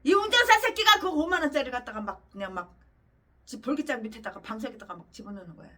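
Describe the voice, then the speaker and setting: A woman's voice: fairly high pitch, animated, quick pace, pushed and bright, recorded from a distance. A woman pastor preaching a fiery sermon, ranting angrily with scornful, profane insults.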